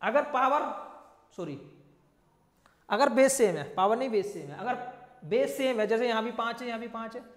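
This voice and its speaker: A man's voice: very high voice, moderate pace, long pauses. A young man teaching exam math, repeating himself and often calling the viewers friends and brother. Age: young adult. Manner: repetitive, keeps addressing viewers as friends and brother. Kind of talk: explaining math at a board. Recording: echoey room with long reverb.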